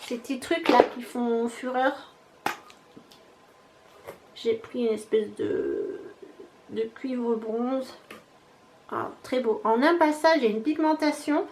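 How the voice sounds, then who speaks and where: A woman in her thirties with a high, light voice runs through a beauty haul, holding up products one after another in a relaxed, chatty way. A faint hiss sits under her voice. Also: slow pace, long pauses. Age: 30s. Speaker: beauty vlogger. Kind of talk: casual haul chat.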